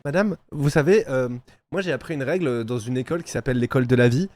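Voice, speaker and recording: A man's voice: medium pitch, a little mellow. A man commenting casually and mockingly on a reality show during a live stream. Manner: mocking, chatty, quick to laugh.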